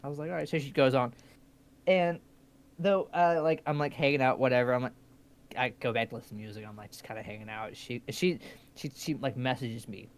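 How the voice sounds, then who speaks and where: A man's voice: medium pitch, fairly quick. A young man co-hosting a live stream, telling stories in casual chat and swearing freely. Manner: animated storyteller, swears a lot. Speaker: stream co-host.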